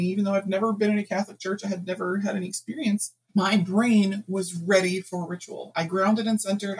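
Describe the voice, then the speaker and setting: A woman guest author telling anecdotes in a casual interview, animated and laughing often. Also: medium pitch, slightly rough, poor audio.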